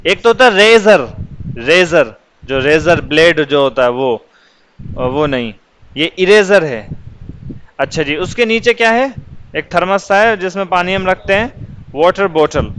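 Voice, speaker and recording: A man's voice: sits high, lively intonation, pauses often, a bit bright, slight background noise, low-quality recording. A male teacher patiently explaining English words for children, asking questions and answering them himself.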